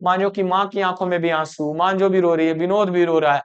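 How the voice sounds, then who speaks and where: Give me a smooth-voiced male teacher, recorded slightly muffled. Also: high-pitched, steady tone, fairly quick. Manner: explains line by line, keeps checking understanding and repeating questions. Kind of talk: explaining a folk story to students.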